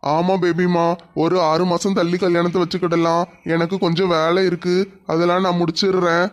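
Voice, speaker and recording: A man voicing a calm, reasoning young man engaged to be married in a cartoon. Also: sits high, normal speed, lightly acted. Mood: reassuring. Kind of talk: cartoon voice acting.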